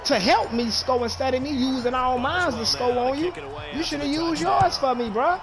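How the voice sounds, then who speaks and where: A man's voice: extremely high pitch, normal speed, music in the background. A man streaming a football video game, cursing and trash-talking his opponent as he plays. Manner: profane, rowdy, shouts and jeers at his opponent. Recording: loud stadium crowd noise from the game.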